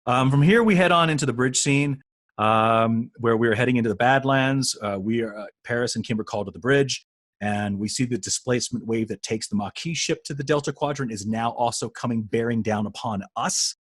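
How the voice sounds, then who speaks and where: A middle-aged man co-hosting a podcast, telling stories in an animated way and acting out quoted lines. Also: medium pitch, a little fast, no room sound. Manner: animated storyteller who acts out quoted dialogue. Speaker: podcast co-host. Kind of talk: casual chat.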